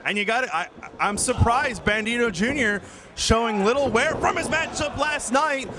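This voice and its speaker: A man calling a live wrestling match play-by-play in excitable, exclamatory bursts. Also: very high voice, moderate pace. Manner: excitable, exclamatory calls of the action. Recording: noisy arena with loud crowd behind. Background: crowd noise of a live wrestling show.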